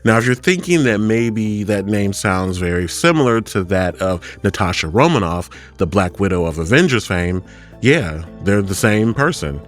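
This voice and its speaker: A man co-hosting a scripted podcast, explaining things with dry, deadpan retorts. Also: fairly low pitch, moderate pace, faint music behind. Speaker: podcast co-host.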